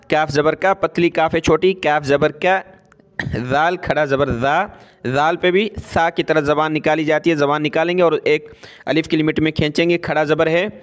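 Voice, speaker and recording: High, clear-voiced Quran teacher, unhurried. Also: male voice. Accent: Urdu-speaking, Pakistani. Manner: spells out letters and vowel marks slowly, then recites each word in a drawn-out chant; explains rules in quick asides between the slow recitation. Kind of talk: step-by-step recitation lesson.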